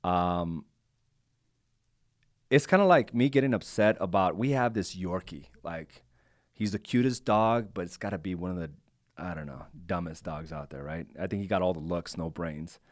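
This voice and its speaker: A man's voice: low voice, moderate pace, no room sound. A man co-hosting a podcast in a casual chat, thinking aloud and questioning his own reactions, recorded in a studio. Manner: reflective, self-questioning. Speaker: podcast co-host.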